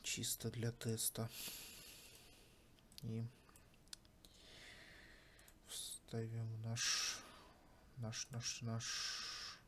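Slow, flat-toned man thinking aloud. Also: mid-range voice. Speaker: tutorial host. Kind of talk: casual screen-recorded tutorial, thinking aloud. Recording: faint background noise.

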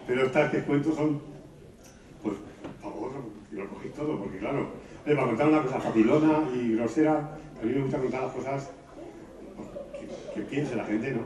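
A man with a La Mancha Spanish accent telling quick stand-up jokes to a live audience, jumping into high voices for the characters. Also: background noise. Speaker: stand-up comedian. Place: stage in a hall. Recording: roomy, distant, dull live recording.

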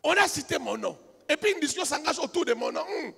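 A man preaching a sermon as a pastor, telling a story quietly and then building up to shouted, half-sung exhortation. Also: very high voice, lively intonation, fast talker, vocal fry. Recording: reverberant hall with music behind.

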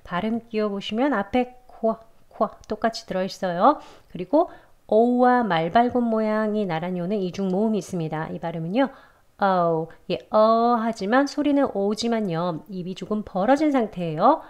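A woman's voice: medium pitch, animated, a little mellow, lo-fi sound. Patient woman teaching English pronunciation. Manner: slow, patient, repeats sounds and model words. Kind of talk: pronunciation lesson.

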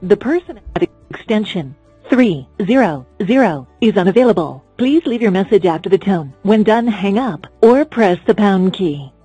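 A recorded voicemail greeting from a woman, heard through a phone call and coming from a speaker a little way off. Her tone is mellow and slightly husky, and the sound is dry. She reads it in the even, measured way of a phone-system announcer. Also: medium pitch, no room sound, soft background music. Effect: played back through a phone call from a speaker. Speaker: automated voicemail prompt.

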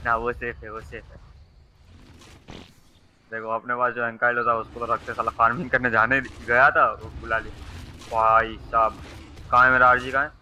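A man streaming a multiplayer survival game, chatting casually, excitable and crude as he jokes and shouts commands at friends. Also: mid-range voice, normal speed, pauses often, muffled recording, slight background noise.

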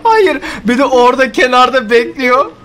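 A man playing a game over voice chat in casual talk, giving quick orders to his teammates. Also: very high-pitched, a bit bright. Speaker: player on voice chat.

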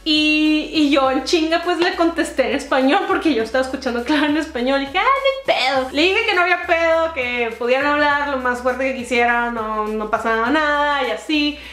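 A young woman with a Mexican accent, telling a casual storytime vlog in a lively, slangy way, laughing and acting out quotes. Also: high-pitched, a little fast, few pauses, reverberant. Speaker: vlogger.

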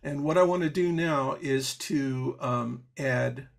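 Taking it slowly in a gravelly, mid-range voice, a man teaches an audio programming patch over a video call. It's a live online coding demo, and he narrates each step as he works, with fillers and restarts along the way.

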